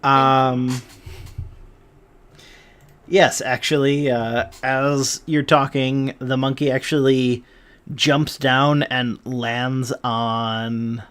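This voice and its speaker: Slow, patient dungeon master man. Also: medium pitch, level tone, fairly bright tone. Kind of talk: narrating a tabletop game. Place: home, online game stream.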